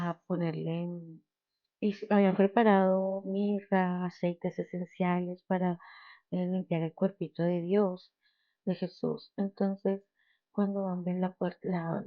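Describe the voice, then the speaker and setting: A middle-aged woman hosts a podcast. She tells her faith testimony and retells Bible stories in a lively way, acting out the quoted voices. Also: fairly low pitch, no room sound, narrow, tinny audio. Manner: lively storyteller who acts out the quoted voices. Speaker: podcast host.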